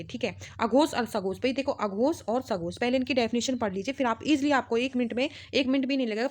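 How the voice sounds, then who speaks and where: Young woman teacher, fairly high voice, keeps saying okay? and goes over stuff again and again. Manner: repeats "ठीक है" and "भाई" as constant checks; explains patiently, repeating each point. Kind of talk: exam-prep lesson.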